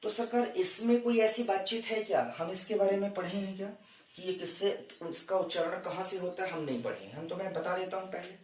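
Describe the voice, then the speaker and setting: A man's voice: sits high, fairly quick, roomy sound, distant mic, slight background noise. A man teaching an exam-prep grammar lecture, addressing his students respectfully as he explains step by step. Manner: addresses students as "sarkar", counts down for screenshots.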